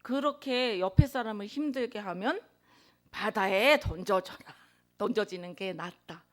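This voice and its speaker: A woman preaching a sermon, telling a personal confession in an earnest tone with emphatic swells of loudness. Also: mid-range voice, animated, a little slow. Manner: introverted by her own account.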